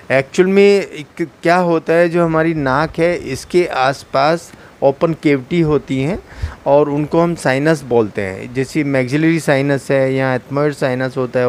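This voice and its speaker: A middle-aged man, an ENT surgeon, calmly explains a medical condition to an interviewer, pausing often on "uh". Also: on the high side. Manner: calm, explanatory, with frequent "uh" fillers. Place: hospital clinic room.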